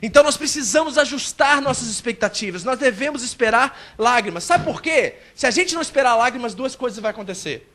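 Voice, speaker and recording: A male pastor preaching a sermon at a church service, animated and acting out a believer's complaints. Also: extremely high pitch, fast, few pauses.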